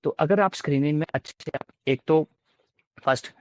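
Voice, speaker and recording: A young Indian-accented man in his twenties, a defence exam candidate, tells his story in a casual interview. His voice is on the high side at a normal pace, recorded dry, and he switches between Hindi and English while acting out what officers said to him.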